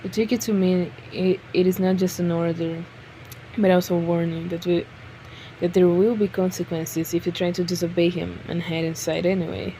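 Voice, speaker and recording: A woman's voice: on the low side, flat delivery, normal speed, dark tone, slight background noise, poor audio. A woman reading a visual novel aloud, breaking off with joking asides. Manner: reads narration, breaks off to joke and laugh. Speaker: game streamer. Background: game music.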